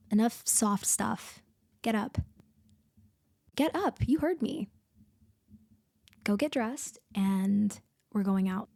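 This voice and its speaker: In a playful, expressive ASMR roleplay, a woman voices one side of a conversation as an upbeat young best friend who is teasing, affectionate, and a bit bossy. Her mid-range voice is gravelly, and there's no room sound.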